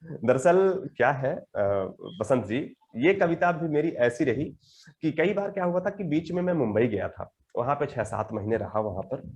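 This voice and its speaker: A man in his thirties, a poet talking earnestly and reflectively in an interview and reciting his verse slowly with rising emphasis. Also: fairly high pitch, animated, a little mellow, muffled recording. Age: 30s. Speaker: poet guest. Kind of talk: conversational interview with poetry recitation.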